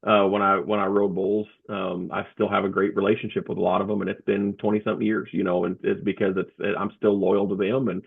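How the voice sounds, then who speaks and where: A man talking as an interview guest, a comedian and motivational speaker, telling his story in a halting way with many restarts over a remote call. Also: deep voice, flat delivery, creaky, slightly rough. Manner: halting, with frequent restarts and fillers. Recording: tinny phone-like remote line.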